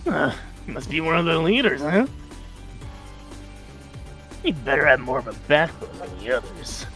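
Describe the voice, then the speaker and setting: A man's voice: fairly high pitch, animated, a little slow, bright, forceful tone, faint music behind, exaggerated voice. A man voicing a brash, tough cyborg brawler who taunts with colloquial bravado in a comic manga dramatization. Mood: taunting.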